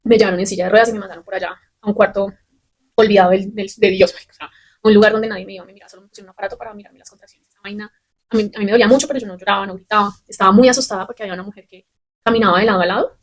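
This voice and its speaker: A young adult woman, a podcast host telling a personal story candidly and with animation. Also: medium pitch. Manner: candid, fast and animated, swears casually.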